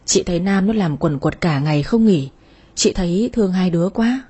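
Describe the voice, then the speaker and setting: A woman's voice: on the low side, animated, normal speed, mellow, slightly rough. A woman voicing a kind, generous female company director who speaks in a caring, motherly way in an audio story.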